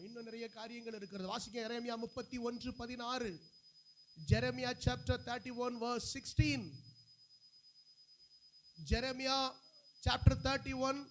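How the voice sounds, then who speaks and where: A pastor preaching a sermon in a church, emphatic and repetitive, swinging between loud proclamation and hushed pleading to the congregation. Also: male voice, very high voice, slight background noise. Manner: repeats lines and calls out to the congregation. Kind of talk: Pentecostal-style sermon.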